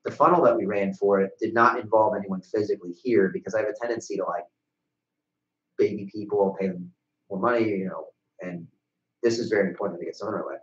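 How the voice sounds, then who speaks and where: Talking fast in a fairly low, steady voice, this young man with an American accent co-hosts a business webcast, bluntly and casually swearing as he chats. He's indoors in a small, bright office using a desk microphone on a stand, and the recording sounds dull and echoey.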